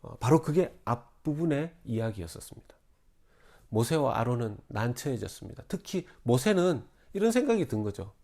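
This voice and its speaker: A middle-aged man preaching a sermon with a lively, swooping voice that rises and falls a lot. His pitch sits mid-range for a man, and he talks conversationally, slipping into dramatized quotes. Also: moderate pace. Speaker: pastor.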